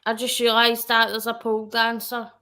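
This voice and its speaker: Chatty bright-voiced woman. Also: on the high side, completely flat delivery, moderate pace. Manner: chatty, rambling, self-correcting. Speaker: guest. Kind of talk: casual livestream chat.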